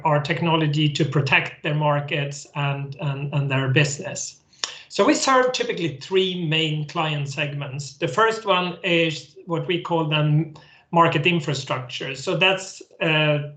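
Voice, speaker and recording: A man's voice: fairly high pitch, pushed and bright, reverberant. A man from Sweden with a Swedish accent, explaining his company's work as a webinar guest, earnest, with restarts and repeated words. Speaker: guest executive.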